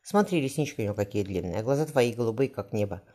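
A man reading the lines of a gentle young woman who comforts and consoles, in a soft voice. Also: mid-range voice, expressive, fast, lightly acted. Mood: tender. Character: gentle young woman midwife, tender and steady.

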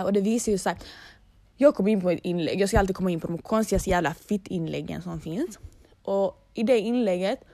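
A woman's voice: medium pitch, darkish tone, no room sound. A young woman telling a story in a loose, casual way, swearing freely and full of fillers and restarts. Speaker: vlogger.

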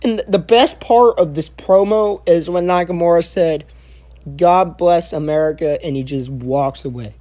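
A young man giving a casual spoken review, halting and full of filler sounds and restarts. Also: on the high side, a little mellow. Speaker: wrestling show reviewer.

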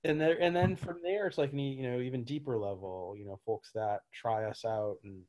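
A man's voice: mid-range voice, fairly even intonation, a little fast, darkish tone. A man, a gym owner, answering interview questions in a loose, rambling way with lots of fillers and restarts. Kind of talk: casual interview talk.

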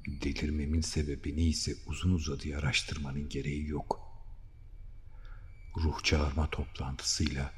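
A male narrator with an extremely deep voice tells a first-person story in a measured, dramatic manner. His reading rings out with a long hall reverb. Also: flat delivery. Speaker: audiobook narrator.

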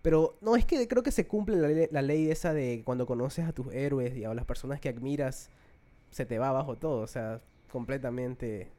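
A man, co-hosting a casual chat and telling stories with lively acted-out quotes. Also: medium pitch, moderate pace. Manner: animated storyteller who acts out quoted lines. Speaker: podcast co-host.

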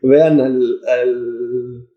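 A man's voice: mid-range voice, fairly even intonation, very slow, lo-fi sound. A man with a Mexican accent hosting a casual comedy podcast, bantering in slangy, profane, irreverent laddish style. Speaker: podcast host. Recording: echoey room.

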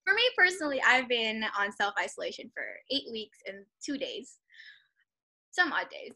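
Young woman, high bright voice, rambling casual interviewer, lots of "like" fillers. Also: big pitch swings, normal speed. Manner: chatty, many fillers like "like" and "you know". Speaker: interviewer starting a personal project. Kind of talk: casual conversational interview over a call. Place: at home.

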